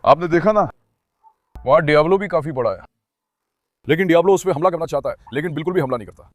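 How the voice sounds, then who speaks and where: A man's voice: on the high side, fast, no room sound. Man who owns dogs, chatty to viewers, soothing to the animals, dry voice. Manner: talks to viewers and calms his dogs in turns. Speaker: dog owner filming his dogs. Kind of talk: casual commentary to viewers.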